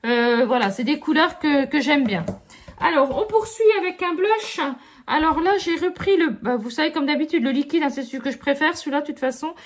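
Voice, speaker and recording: A woman's voice: high-pitched, brisk. A middle-aged woman chatting casually through a haul review, full of fillers and asides to her viewers. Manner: chatty, many fillers like euh and franchement. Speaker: beauty vlogger.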